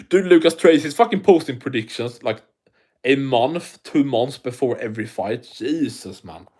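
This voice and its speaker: Animated yet moderate in pace, a medium-pitched, slightly mellow male voice carries a thick non-native accent. As a casual livestream host, he rambles and curses through viewers' comments, restarting often.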